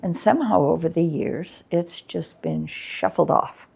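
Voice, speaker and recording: A woman's voice: fairly low pitch, huge pitch swings, unhurried, creaky, darkish tone, husky. An older woman, chatting frankly in an interview and reminiscing about her arts work, with plenty of ums. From Canada. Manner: candid and frank, chatty with many fillers. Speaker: interviewee, former arts coordinator. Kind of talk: reflective interview chat.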